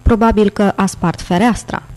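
A woman reading a thriller audiobook aloud in a steady, dramatic narration. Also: medium pitch. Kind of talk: scripted narration.

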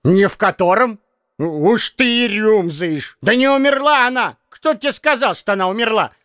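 Brief: man reading as a nagging, blundering old man for an audiobook, high, bouncy, fumbling his words, dry close sound. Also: animated, moderate pace, a bit bright, clean tone, no echo. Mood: fussy. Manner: stammering, self-correcting, cackling.

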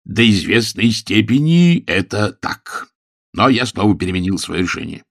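A man's voice: lowish voice, very animated, normal speed, vocal fry, dry recording, studio quality, full character voice. A man voicing an irascible older father who blusters and stammers indignantly, in an audiobook reading.

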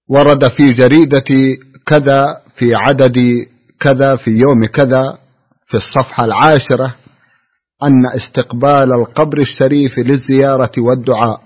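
A man presenting a radio program who formally reads a listener's question aloud, at a steady pace. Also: medium pitch, husky. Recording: dull lo-fi radio recording.

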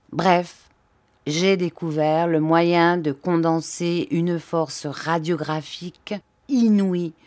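A woman reading aloud who voices an excitable young English male inventor, exclaiming in loud, feverish outbursts. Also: on the low side, dry recording.

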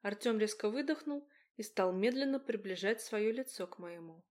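A woman's voice: medium pitch, animated, moderate pace, darkish tone. Woman narrating an intimate romance. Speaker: audiobook narrator. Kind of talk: first-person romance narration.

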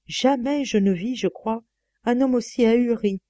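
A woman reading a first-person novel aloud, with lively, exclamatory storytelling. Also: on the high side, moderate pace, no room sound. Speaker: audiobook reader.

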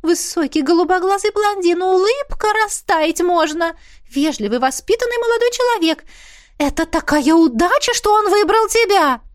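A woman doing a gushing, pushy mother. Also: normal speed. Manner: excited chatter, high and sing-song. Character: vain gushing middle-aged mother, fussy and pushy. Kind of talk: audiobook character voice.

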